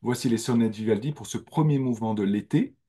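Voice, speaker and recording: A man giving a music lesson, explaining slowly and carefully over recorded music. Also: mid-range voice, dark tone, slightly rough. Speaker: music teacher.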